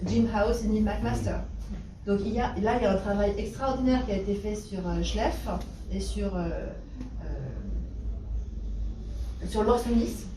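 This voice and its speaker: A woman's voice: mid-range voice, steady tone, unhurried. A French woman historian and university lecturer, answering questions in a thoughtful, hesitant way. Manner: thoughtful, many hesitations and restarts. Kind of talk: conversational talk answering questions. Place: meeting room. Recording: roomy echo from a distance, noisy room.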